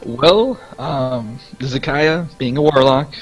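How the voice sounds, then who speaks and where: A man's voice: mid-range voice, takes it slowly, slightly rough, faint music behind, poor audio. A man telling his character's backstory in a tabletop game, unsure and stumbling over names. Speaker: player.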